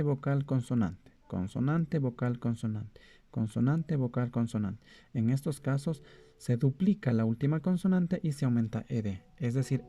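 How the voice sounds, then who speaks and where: Guy teaching verbs, super dark mellow voice, keeps asking "sí?", faint music behind. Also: mid-range voice. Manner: switches between Spanish and English, checks in with frequent "¿sí?". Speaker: English teacher. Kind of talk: explaining grammar rules in a recorded lesson.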